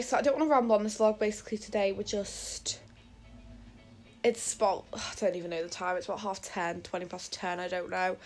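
Chatty young woman vlogging at home. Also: medium pitch. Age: young adult. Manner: chatty, rambling, self-deprecating. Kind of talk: casual vlog chat. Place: at home, then outdoors.

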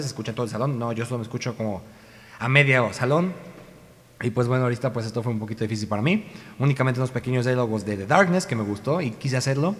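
A man's voice: medium pitch, big-room sound. Rambling Mexican young man. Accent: Mexican Spanish. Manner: rambling, self-correcting, chatty. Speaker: amateur voice actor. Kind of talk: casual vlog talk. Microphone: cheap home microphone.

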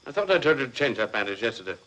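An actor playing a stern colonel who gives strict, clipped orders to fellow prisoners in a film. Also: male voice, medium pitch, very animated, racing, a bit bright, low-quality recording. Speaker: senior officer in a prison camp.

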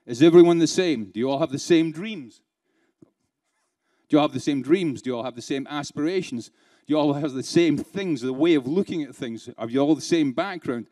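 A man's voice: a little high, brisk, dark tone. A man with a slightly raised voice delivers a keynote to a live audience. He is interactive and playful, firing rhetorical questions at the crowd and chuckling between points. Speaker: keynote speaker. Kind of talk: conference keynote speech. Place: conference hall with a live audience.

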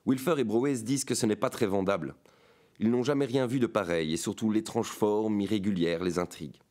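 A man's voice: on the low side, brisk, darkish tone, close to an everyday voice. A man voicing a nervous, scheming broker.

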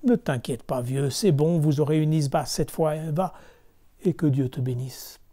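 A man's voice: fairly high pitch, measured pace. A man voicing a kind, gracious magical golden fish in a storybook reading. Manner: gentle, gracious.

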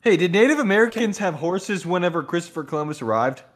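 A man with a fairly high voice, talking loose and slangy on a casual podcast with his friends. He laughs easily and tosses out questions in a relaxed way. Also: quick pace. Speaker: podcast co-host. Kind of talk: casual chat.

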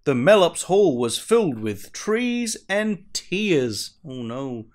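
Playing a masked superhero at storytime, a man reads a picture book aloud to children in an animated storytelling mood. His slightly high voice swings widely and sing-song in pitch, with theatrical, deliberate delivery that draws out the ends of phrases.

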